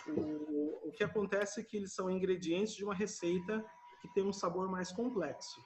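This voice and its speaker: A Brazilian man with a high voice leads an online English class over a video call. He talks patiently and says each word again and again for the class to repeat. A faint hiss sits under the call. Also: steady tone, normal speed. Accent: Brazilian Portuguese. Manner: patient, repeats words for students to echo. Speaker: English teacher.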